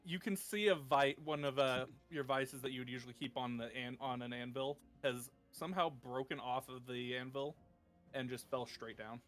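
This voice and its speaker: A man narrating a tabletop game as game master, describing scenes in a relaxed way. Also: mid-range voice, moderate pace, faint music behind.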